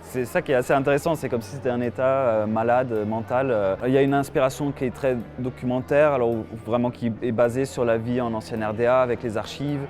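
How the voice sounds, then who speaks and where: A man's voice: medium pitch, fairly even intonation, brisk, hardly any pauses, darkish tone, faint music behind. A man in his thirties from Germany, an animation film director giving a festival interview, hesitant with many fillers and restarts.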